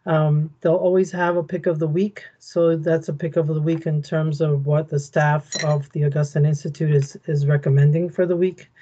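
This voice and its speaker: Woman walking a group through a website, mellow and monotone, muffled video-call sound. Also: low voice, normal speed, few pauses. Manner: explanatory, steady, even. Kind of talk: screen-share walkthrough in an online meeting.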